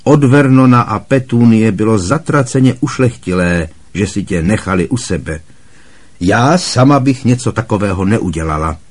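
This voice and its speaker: A man reading aloud, voicing a bossy, loud middle-aged aunt who barks harsh scolding at a boy. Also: lively intonation. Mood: scornful. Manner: booming, barking and harshly scolding.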